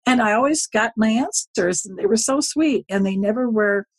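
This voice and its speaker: A woman's voice: a little high, normal speed, husky, no echo. A woman in her seventies, a podcast guest, telling stories in a rambling, folksy way with many asides. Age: 70s. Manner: rambling, folksy, often circles back with asides. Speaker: podcast guest, social media consultant. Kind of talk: casual storytelling interview.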